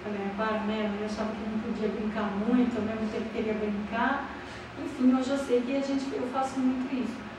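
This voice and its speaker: A woman's voice: fairly high pitch, level tone, fairly quick. A Brazilian woman, a spiritualist medium, telling anecdotes in an interview and acting out the dialogue she recalls. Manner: chatty, acts out quoted dialogue in anecdotes. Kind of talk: casual interview storytelling. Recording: roomy, distant mic with background noise.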